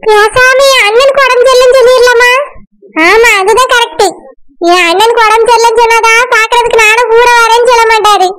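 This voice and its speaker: A scheming young village wife from a cartoon, as a voice actor plays her, with a Tirunelveli Tamil accent. Her voice is extremely high and squeaky, and bright and sharp in tone. She talks in a fretful, pleading rush. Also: steady tone, a little fast. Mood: fretting. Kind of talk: cartoon voice acting.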